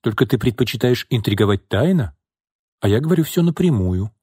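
A man's voice: medium pitch, animated, brisk, a little mellow, slightly rough, no room sound, studio quality. A man doing a firm, outspoken young woman. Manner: firm and direct.

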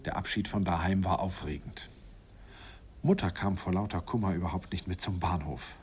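An actor voices a middle-aged narrator in a radio play who wistfully mocks himself while remembering his student days in his forties. The delivery is lightly acted, low and darkish in tone, at a moderate pace, with slight background noise.

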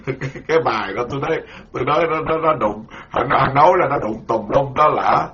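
A man's voice: medium pitch, normal speed, fairly bright tone. A man giving a sermon as a Buddhist monk, colloquial and self-mocking. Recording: dull lo-fi sound.

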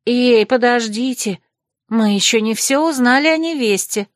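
A woman voicing a gossipy, spiteful young girlfriend in an audiobook, snippy and excitable. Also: a little high, moderate pace, dry recording, studio quality, pitched above the performer's own voice, close to an everyday voice.

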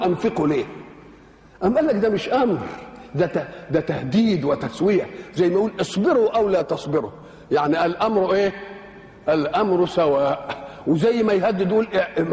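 Older male Egyptian exegete, fast colloquial delivery, quizzes then answers himself. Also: sits high, a little mellow, in a large hall. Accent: Egyptian Arabic. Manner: rhetorical questions answered himself, colloquial asides. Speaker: Quranic exegete. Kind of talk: religious lecture.

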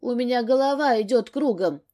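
A woman's voice: fairly high pitch, fairly quick, warm tone, pitched above the performer's own voice, lightly acted. A woman voicing a hurt young wife who speaks strained and near tears in an audiobook. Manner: strained, exclaiming.

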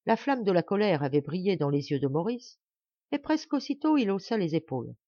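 A woman narrating a classic novel as an audiobook, in an expressive, dramatic reading. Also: lowish voice, brisk, no echo, highs cut off. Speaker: audiobook reader.

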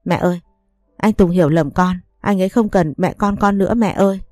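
Brief: a woman voicing a sobbing, pleading young wife, low mellow tone. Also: a little fast, no room sound, studio quality, soft background music, lightly acted. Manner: begging, sobbing.

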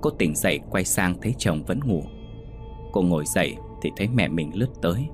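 A man narrating a ghost story in a steady, dramatic way. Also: low voice, a little fast, faint music behind.

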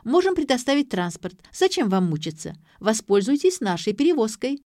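A woman voicing a chirpy young female clinic receptionist who rattles off a fast sales patter. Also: fairly high pitch, sing-song, warm tone, dry recording, clean studio sound, pitched above the performer's own voice.

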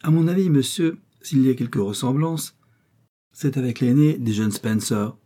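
A man's voice: mid-range voice, normal speed, mellow, voice pushed up, close to an everyday voice. A man voicing a timid female housekeeper who answers her master deferentially, in a storybook reading.

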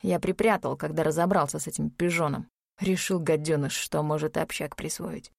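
A woman reading an audiobook voices a cold, sneering male criminal who mutters low threats. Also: normal speed, creaky, dry recording, clean studio sound, exaggerated voice. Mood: menacing.

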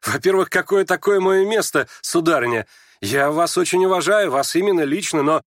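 A man's voice: fairly high pitch, lively intonation, moderate pace, a bit bright, dry recording, clean studio sound, pitched above the performer's own voice. A man sneering as a mocking sickly youth.

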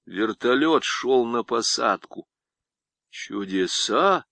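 A man narrating an audiobook in an expressive, ironic storytelling manner. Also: medium pitch, unhurried, no echo.

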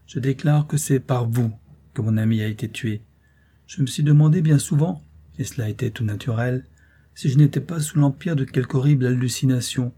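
Man reading as a stern young gentleman, grave, measured, husky, mellow tone. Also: medium pitch, close to an everyday voice. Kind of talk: audiobook reading.

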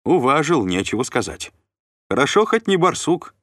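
A chubby, crafty noble who chatters and haggles with good humor, played by a man in a raised, lively voice. The storybook uncle is scheming yet warm. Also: medium pitch, moderate pace, no room sound, clean studio sound, pitched above the performer's own voice. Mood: jovial. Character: plump, sly, jovial male noble uncle.

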